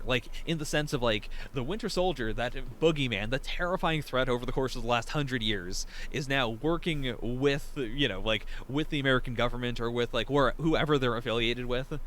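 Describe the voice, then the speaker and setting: A man's voice: mid-range voice, lively intonation, fairly quick, hardly any pauses, a bit bright, a little hiss or hum. A man co-hosting a reaction video, chatting casually in loose, hesitant phrases peppered with "like". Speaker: co-host of a reaction channel. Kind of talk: casual speculative chat.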